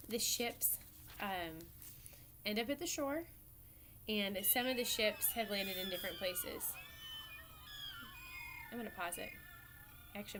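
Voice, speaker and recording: A woman teacher giving a casual classroom lecture, retelling an old epic in a chatty way, pausing to correct herself and asking the class questions. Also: fairly high pitch, background noise.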